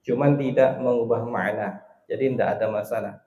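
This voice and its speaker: Relaxed male religious teacher, echoey room. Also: medium pitch, dull audio. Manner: relaxed, conversational, demonstrates recitation slowly. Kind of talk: casual Islamic study lesson.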